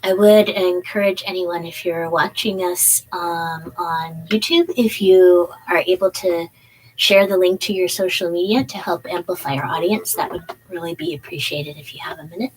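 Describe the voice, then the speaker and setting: A woman's voice: lowish voice, fairly even intonation, normal speed, breathy edge, poor audio. A woman co-hosting a casual talk show, appealing to listeners in an encouraging way. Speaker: co-host.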